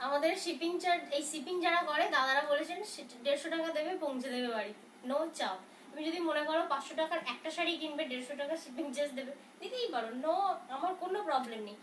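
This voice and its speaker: Soft-spoken woman selling sarees live. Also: high-pitched, quick pace. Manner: chatty, reassuring, answers viewers' questions. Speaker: saree seller on a live stream. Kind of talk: casual live sales talk. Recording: roomy, from a distance, faint noise.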